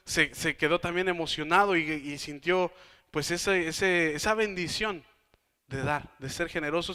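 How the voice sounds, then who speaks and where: High bright pastor guy preaching, keeps restarting words, big church reverb. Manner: storytelling with frequent restarts and repeated words. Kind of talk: sermon. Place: church hall.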